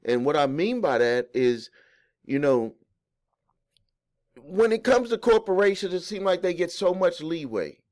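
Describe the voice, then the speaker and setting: A man's voice: sits high, sing-song, measured pace, long pauses, darkish tone. A man hosting a credit repair channel, explaining a court ruling in a rambling, conversational way, full of fillers, restarts and folksy asides. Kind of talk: casual explainer monologue.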